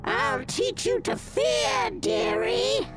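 A man voicing a menacing old hag monster in a tabletop game, screechy, creaky and taunting. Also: very slow, fairly bright tone, faint music behind, full character voice. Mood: furious taunting. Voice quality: creaky, shrill.

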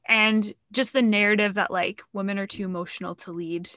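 A young woman with a bright, tense voice talks on a podcast, recorded close and dry. She is earnest and keeps reaching for filler words as she thinks out loud. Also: medium pitch, steady tone, a little fast, dry recording. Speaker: guest. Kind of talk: casual chat.

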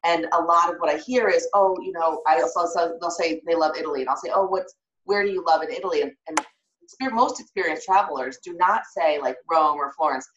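A woman's voice: on the low side, brisk, a bit bright. A woman hosting a casual interview, talking with enthusiasm. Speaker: interview host. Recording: roomy, distant and muffled.

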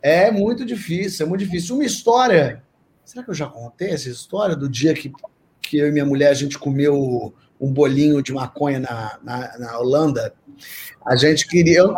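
A man telling a comic anecdote in an animated way, often repeating and restarting words. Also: on the high side, normal speed, a little hiss or hum. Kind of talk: comic storytelling.

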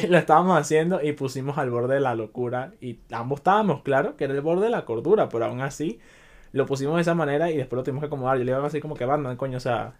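This young adult podcast host from Venezuela speaks quickly at a medium pitch, with a Venezuelan Spanish accent. Running his show alone, he keeps things relaxed and conversational, slipping English terms in as he goes.

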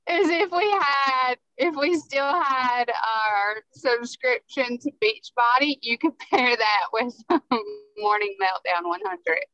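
A woman's voice: high voice, expressive, takes it slowly, bright, forceful tone, no room sound. Woman on a muffled video call. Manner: chatty, laughs easily, repeats words. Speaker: co-host. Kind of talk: casual chat on a video call.

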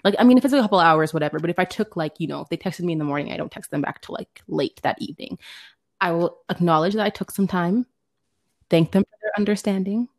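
A woman's voice: lowish voice, fast. A young woman who is a student, co-hosting a podcast in casual chat, joking and teasing. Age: young adult. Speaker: podcast co-host.

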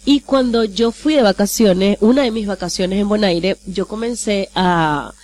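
A woman's voice: mid-range voice, measured pace, darkish tone. A talkative middle-aged Venezuelan woman with a Maracaibo accent, a radio presenter being interviewed. She rambles happily, laughs at herself and corrects her own dates as she goes. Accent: Maracaibo Venezuelan Spanish. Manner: chatty, laughs easily, self-deprecating. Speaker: radio host, interview guest. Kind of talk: casual interview chat.

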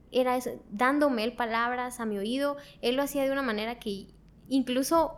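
A woman telling her faith story in a casual conversation, animated, acting out her own prayers and laughing often. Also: a little high.

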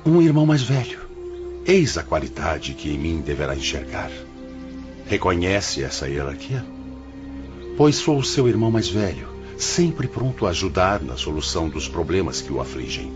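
In a religious radio drama with music in the background, a man plays an older spirit, serene and humble, who directs an afterlife hospital. He has a deep voice with big pitch swings at normal speed, and his solemn, formal, patient Brazilian Portuguese sounds kindly and compassionate.

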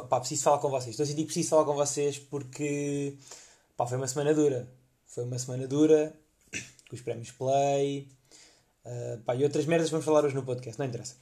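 A man's voice: medium pitch, warm tone. A young man with a European Portuguese accent telling rambling comic stories as a podcast host, full of slang and fillers. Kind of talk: casual comedic storytelling monologue.

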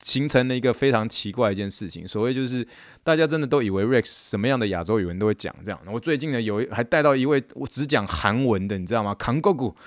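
A man, hosting a casual chat and telling stories in a lively way that acts out what people said. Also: mid-range voice, fast, dry recording, studio quality. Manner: animated storyteller who acts out quotes. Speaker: podcast host and therapist.

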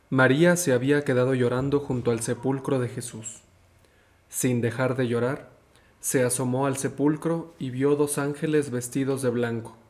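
A young man training for the priesthood reads a gospel passage aloud in a calm, measured way. He then moves into a short, earnest reflection at the same steady pace. His voice sits at an ordinary middle pitch for a man. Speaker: seminarian.

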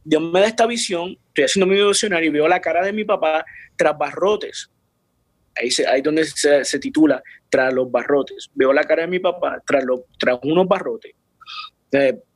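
Earnest man, higher voice. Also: normal speed, no echo. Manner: earnest, repeats and restarts words, drops English words into Spanish. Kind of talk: personal faith testimony.

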